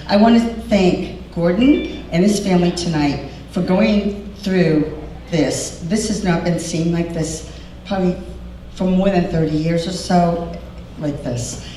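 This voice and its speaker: Speaking loudly to a crowd in a big echoing hall, an event host who is also a diver rambles casually and fills her speech with fillers. Her voice sits on the low side. The audio picks her up from far off, with echo and a bit of faint noise.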